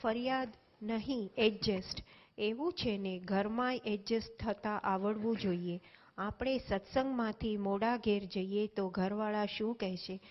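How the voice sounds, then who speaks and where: A woman talks through spiritual teachings in an earnest, explanatory way, using everyday examples. Her voice is mid-pitched. The recording is dull and lo-fi. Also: a little slow. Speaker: spiritual discussion speaker. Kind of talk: religious discourse explanation.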